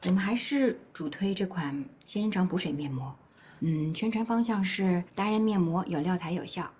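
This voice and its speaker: An actress playing a woman marketing employee, reporting in a brisk, businesslike way. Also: fairly low pitch, animated, darkish tone, slight background noise, close to an everyday voice.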